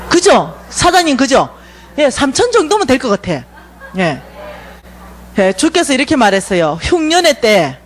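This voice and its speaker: A middle-aged woman speaks. Her voice sits high and swings widely. She tells stories in a playful way at a church revival talk. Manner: lively, playful storytelling with acted quotes.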